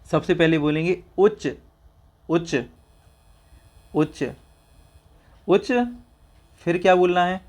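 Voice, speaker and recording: A man's voice: high voice, fairly even intonation, takes it slowly, long pauses, darkish tone. A man teaching the recitation of a Sanskrit verse, breaking each word into syllables and repeating it patiently for listeners to say along. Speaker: teacher of a Jain scripture. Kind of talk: slow syllable-by-syllable recitation lesson.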